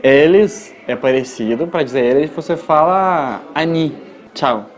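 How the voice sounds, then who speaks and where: A man with a Russian accent, a native Russian speaker, teaching tourist phrases in a joking, casual way and repeating each word slowly. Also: on the high side, animated. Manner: joking, slow repeated model words. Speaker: language guide.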